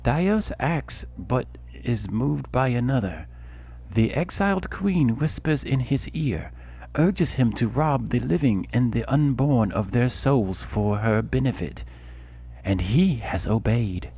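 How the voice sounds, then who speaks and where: A man voicing a solemn, commanding goddess in a fantasy game, with measured, poetic delivery. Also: medium pitch, expressive, vocal fry, warm tone, slightly rough, pitched above the performer's own voice, full character voice. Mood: grave, commanding. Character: solemn, commanding goddess speaking through birdsong and wind. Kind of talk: amateur voice acting in a fantasy game.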